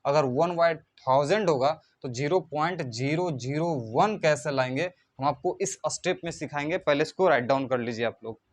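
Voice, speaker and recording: A man teaching a math lesson in Hindi, reading out decimals digit by digit and slowing down as he writes them. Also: on the high side. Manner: spells numbers out digit by digit, slows when writing. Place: coaching centre classroom.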